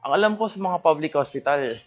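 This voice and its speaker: A man's voice: a little high, expressive, brisk. A Filipino man speaking casually as a fitness vlogger, coaching exercises and mixing in English gym terms. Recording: music behind the voice.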